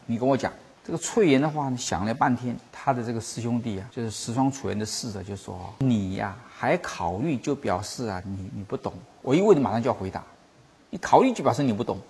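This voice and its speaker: A Buddhist teacher gives a storytelling lesson with a very husky, breathy voice. The pitch swings widely as the speaker acts out the old masters and slowly repeats key phrases. The delivery stays instructive and patient. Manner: storytelling, acting out quoted masters. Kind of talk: Chan Buddhist teaching talk.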